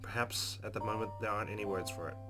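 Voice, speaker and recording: During a let's play, a man with a lowish voice reads a game's narration aloud in an expressive, measured, dramatic way. Game music plays under his voice.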